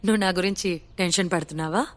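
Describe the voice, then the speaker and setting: Woman voicing a calm, confident young man. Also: lowish voice, normal speed, lightly acted. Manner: calm, quietly assured.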